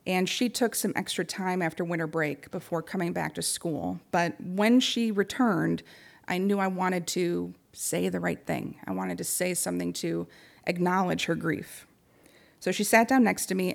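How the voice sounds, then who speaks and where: A young adult woman giving a prepared talk on supporting grieving people, speaking gently and pausing often. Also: fairly low pitch, fairly even intonation, gravelly.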